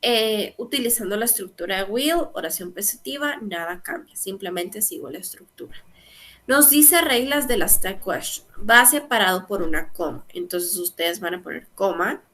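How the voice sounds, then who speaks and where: A woman's voice: medium pitch, lively intonation, moderate pace, sharp tone. A young woman teaching an English grammar lesson, explaining patiently step by step and often checking in with her students.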